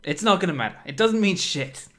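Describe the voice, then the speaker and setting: A man co-hosts a relaxed podcast chat, his voice a touch higher than average. He is blunt and skeptical. He swears casually as he argues his points. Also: brisk. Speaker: podcast co-host.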